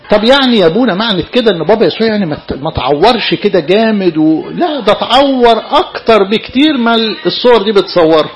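Speaking in a high-sitting voice with an Egyptian Arabic accent, a man serves as a priest preaching to young people. He keeps the sermon interactive and lively, constantly putting questions to his listeners.

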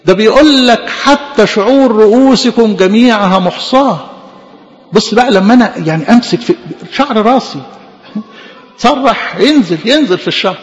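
A fast-talking Egyptian man delivers a fervent sermon, his fairly high voice climbing into emphatic bursts. He calls the congregation his dear ones. A long reverb rings around him in a church hall. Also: lively intonation. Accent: Egyptian Arabic. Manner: fervent, rising to emphatic outbursts; addresses listeners as dear ones. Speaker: preacher.

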